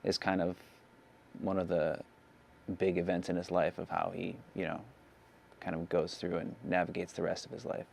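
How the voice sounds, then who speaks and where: A male actor calmly describing his film character in an interview. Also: deep voice, normal speed, gravelly, a little hiss or hum. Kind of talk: interview talk about a character.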